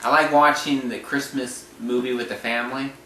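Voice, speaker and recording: A man's voice: mid-range voice, fairly even intonation, normal speed, sharp tone. A man co-hosting a podcast, blunt and swearing a lot, dragging out his complaints. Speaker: podcast co-host. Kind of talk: casual chat. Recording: echoey room, faint noise.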